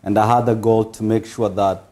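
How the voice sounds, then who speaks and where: A man from Congo, the guest of an interview, speaking in a measured way with pauses and fillers. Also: lowish voice, level tone, mellow. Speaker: interview guest, foundation founder. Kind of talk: casual interview talk.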